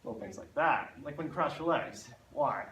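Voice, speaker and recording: Animated and fairly bright, a man's mid-range voice moves at normal speed as he teaches a spinal stability class, demonstrating the moves while slightly breathless. Sound comes from a far-off mic in an echoey room, with faint noise.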